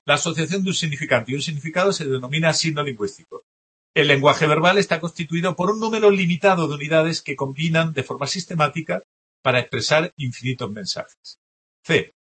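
Husky teacher going over answers. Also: male voice, a little high, fairly bright tone. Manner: explanatory, checks in often with the class. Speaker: language teacher. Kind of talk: classroom lecture going over test answers.

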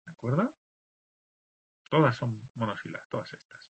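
A male teacher from explains the rules for written marks, saying example words slowly and checking in with the class again and again. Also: mid-range voice, animated, slightly rough. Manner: explains patiently, checks in with constant "¿de acuerdo?". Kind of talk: spelling lesson explaining accent marks. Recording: dull lo-fi recording.

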